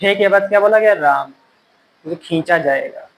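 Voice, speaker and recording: A male teacher giving a classroom lecture, repeating key phrases slowly so students can write them down. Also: sits high, low-quality recording.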